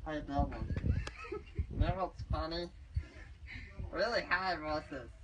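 A man's voice: a little high, slow pace, dull audio. A young man in casual, joking chat, recorded on a camera a few feet away on an outdoor porch. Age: young adult. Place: outdoor house porch at night. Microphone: handheld camera a few feet away. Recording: noisy handheld camera audio.

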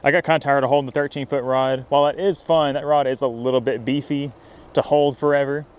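Young dude vlogging his night fishing outdoors, normal pitch, gets real hyped n yells when he hooks one. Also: fast talker, clean tone. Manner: excitable, whoops and hollers when fish bite. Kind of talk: casual outdoor vlog narration. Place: riverbank near a dam at night, outdoors.

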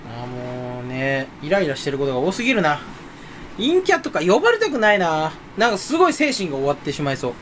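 Young guy rambling alone in his room, voice bouncing all over, talks fast, jokes at himself, faint hiss behind. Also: on the high side, big pitch swings. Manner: scattered, self-mocking, jumps between topics, sudden loud outbursts and mouth noises. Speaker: streamer chatting solo. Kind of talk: rambling casual chat. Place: his own room at home.

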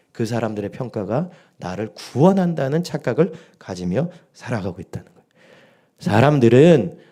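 Animated Korean pastor preaching. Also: male voice, mid-range voice. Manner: lively storytelling, acting out quoted dialogue; rises to emphatic peaks when exhorting. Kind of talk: sermon.

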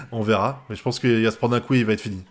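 A man from France giving live reaction commentary on an anime episode, swearing often and breaking into laughter. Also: medium pitch.

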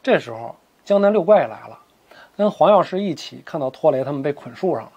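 A man narrating a martial-arts story in a lively, colloquial, joking way. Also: fairly high pitch, fairly quick, breathy edge, muffled recording.

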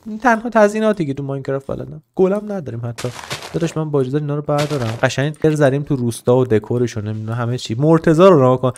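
A man hosting a casual gaming session, narrating his build in an excitable, teasing way and bossing around the creatures in the game. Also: mid-range voice, a little hiss or hum. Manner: excitable, teasing, chatters to the game's animals and villagers. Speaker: gaming channel host. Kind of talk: casual let's-play commentary.

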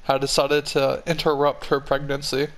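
A man's voice: medium pitch, flat delivery, normal speed, fairly bright tone, lightly acted. A man voicing a wounded, earnest and embittered male fox in a dramatic comic reading, with solemn, hammy theatrical delivery. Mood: earnest pleading.

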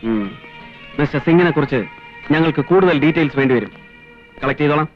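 An actor playing a firm, commanding security squad officer in a film scene. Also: male voice, fairly high pitch, quick pace, soft background music, close to an everyday voice. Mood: stern. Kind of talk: 1990s film dialogue. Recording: dull lo-fi film soundtrack with faint score.

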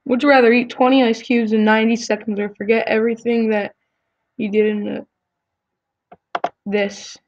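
A woman's voice: fairly high pitch, flat delivery, moderate pace, pauses often, muffled recording, slight background noise. A woman YouTuber chatting casually as she answers quiz questions, giving blunt opinions with frequent ums and restarts.

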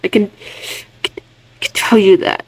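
A woman giving casual, excitable commentary on a game she is playing, chatty and often restarting her words. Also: unhurried, poor audio. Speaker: gaming video creator.

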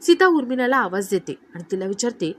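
Woman narrator, lively recap voice, slightly high pitch. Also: brisk, slight background noise. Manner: lively, shifts pitch to act out each character. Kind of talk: storytelling recap with acted quotes.

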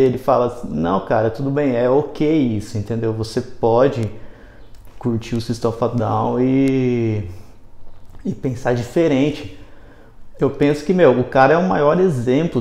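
A man's voice: mid-range voice, mellow. A man with a Brazilian Portuguese accent giving his opinions in a casual, conversational vlog, often hesitating mid-phrase. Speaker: vlogger. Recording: roomy echo.

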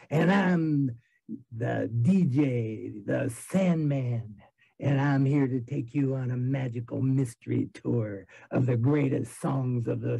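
A man voicing a laid-back male sixties AM radio disc jockey, with a husky voice and drawn-out patter that sounds distant, like an AM broadcast. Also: medium pitch, a little mellow, dry recording, full character voice. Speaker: photography teacher.

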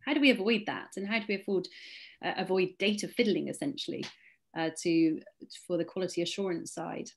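A woman's voice: fairly low pitch, fairly quick, vocal fry. A woman moderating a medical webinar, putting questions to the panel over a video call. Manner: inquisitive, poses questions.

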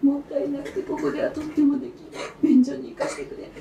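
A woman voicing a frightened little temple boy who pleads in a high, trembling voice, recorded in a roomy live hall. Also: flat delivery, quick pace, vocal fry, warm tone, distant mic, a little hiss or hum. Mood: pleading.

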